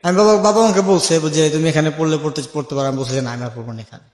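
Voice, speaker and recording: A young Bangladeshi man, a guest on a radio-style interview, tells his life story in a rapid-fire, slightly high voice with a darkish tone. He talks colloquially and acts out remembered dialogue. The recording is echoey, with long reverb.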